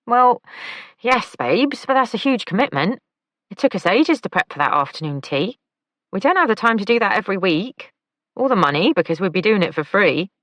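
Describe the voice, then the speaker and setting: A woman's voice: mid-range voice, lively intonation, moderate pace, fairly bright tone, no echo, pitched above the performer's own voice. A woman voicing a flamboyant, playful young male pastry chef in an audiobook. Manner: playful, camp, teasing.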